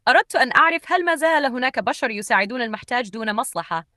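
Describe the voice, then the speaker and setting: A woman voicing a wealthy older man disguised as a beggar, speaking calmly and earnestly. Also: on the high side, rapid-fire, no echo, clean studio sound, pitched above the performer's own voice. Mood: calm, weary.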